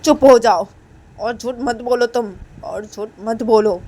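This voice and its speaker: A woman's voice: on the high side, unhurried, warm tone, natural voice, low-quality recording. A loyal young wife speaks firmly and insistently, repeating her promise, voiced by a woman storyteller in her own voice. Faint traffic noise sits in the background. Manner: firm, insistent repetition.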